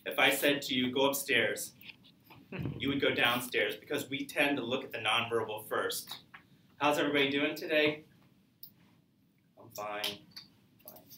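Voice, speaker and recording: A male college speech instructor teaches public speaking, lecturing casually and quizzing students, his voice medium in pitch. The echoey classroom was recorded from a distance, and the background is noisy.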